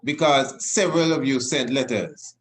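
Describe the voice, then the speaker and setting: A man's voice: mid-range voice, normal speed, a crowd in the background, low-quality recording. A man hosting a casual interview, often interjecting with short affirmations. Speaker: interview host.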